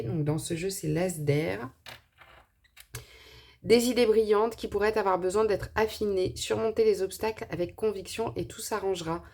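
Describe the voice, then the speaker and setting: Her voice is mid-range with a darkish tone, and a slight lisp touches her s sounds. She's a tarot and angel card reader doing a casual reading, hesitating as she thinks out loud.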